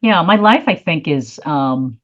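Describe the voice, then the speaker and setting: A woman's voice: low-pitched, lively intonation, unhurried, a bit bright, highs cut off. A woman from South Korea answering interview questions thoughtfully, with frequent fillers and restarts. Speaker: guest, leadership consultant.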